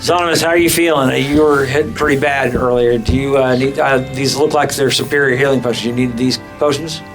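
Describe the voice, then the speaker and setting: A man's voice: medium pitch, steady tone, fairly quick, rough recording. A man chatting casually as a player in a tabletop role-playing game. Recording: music clearly behind.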